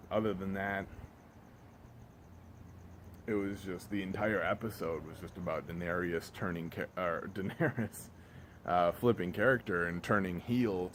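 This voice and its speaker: A low-pitched man vlogging his review of a TV episode launches into a casual, off-the-cuff rant that rambles and repeats itself. His halting phrases often trail off mid-thought, and he's blunt, profane and exasperated, with clear background ambient noise behind him.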